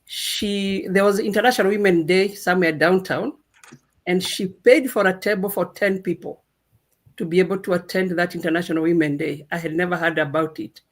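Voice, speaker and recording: A woman from Kenya speaking on a radio panel, telling her story slowly with many hesitations. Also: lowish voice, fairly even intonation. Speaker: guest speaker. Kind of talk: casual panel talk.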